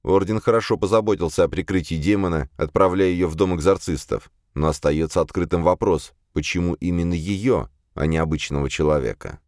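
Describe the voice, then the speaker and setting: A man narrating a first-person fantasy audiobook in a measured, wry tone. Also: low-pitched, a little mellow, dry recording, studio quality.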